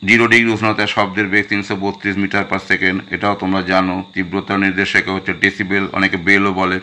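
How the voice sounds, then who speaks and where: A man's voice: low-pitched, little pitch movement, fast, sharp tone. A man teaching a school physics revision lesson, going through questions one by one and speaking directly to his students. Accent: Bengali.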